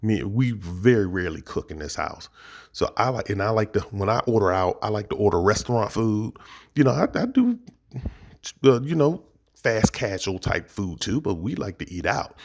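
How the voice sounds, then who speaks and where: Gravelly-voiced D.C. man telling a story. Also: lowish voice, expressive, normal speed. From Washington, D.C. area. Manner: laid-back, rambling, slangy. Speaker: podcast host. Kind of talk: casual storytelling monologue.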